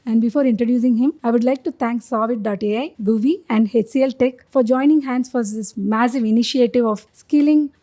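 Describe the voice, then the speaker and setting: A middle-aged woman with an Indian accent presents as an interview host. Her voice sits fairly high but has a mellow, dark-edged tone. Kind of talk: scripted introduction and interview questions.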